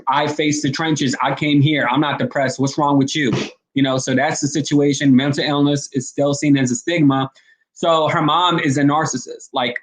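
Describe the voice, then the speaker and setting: A man speaks straight to his audience in a loose, rambling commentary style. He is blunt and keeps circling back to his point. His voice sits a little higher than most men's. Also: poor audio. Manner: blunt, rambling, addresses viewers directly. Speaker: commentary host. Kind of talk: casual opinion commentary.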